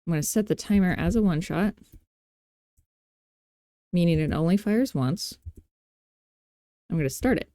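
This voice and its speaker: Talking at normal speed with long pauses, a tutorial host walks through a screen recording in a fairly low, mellow voice. She thinks aloud in a playful, informal way and pokes fun at herself. The recording is dry, very close and echo-free.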